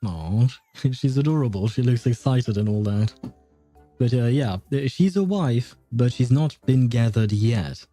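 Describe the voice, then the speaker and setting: A man's voice: mid-range voice, lively intonation, unhurried, dark tone, soft background music. A man giving casual game commentary as a streamer, in an amused, hesitant, rambling way. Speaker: gaming streamer playing through a story.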